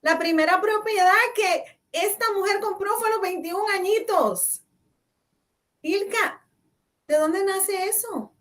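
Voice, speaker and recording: A woman's voice: very high-pitched, slow pace, far from the mic. A woman hosting a talk show, chatting playfully and emphatically while switching between Spanish and English. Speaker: host. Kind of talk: casual bilingual talk show chat.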